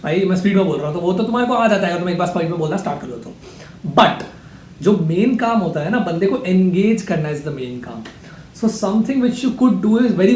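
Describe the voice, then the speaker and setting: A man's voice: high-pitched, darkish tone, echoey room, a little hiss or hum. A teenage man, chatting casually and jokingly as he answers viewer questions late at night, a bit sleepy. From India. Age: teens. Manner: chatty, switches between Hindi and English, jokey.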